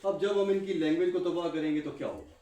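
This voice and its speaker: A man speaking to a class of trainees in a fervent, repetitive way, firing questions at the room and answering them himself. His voice sits a little high and reaches the mic from across an echoey room. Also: mellow, distant mic. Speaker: guest speaker addressing trainees. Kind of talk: impassioned classroom talk.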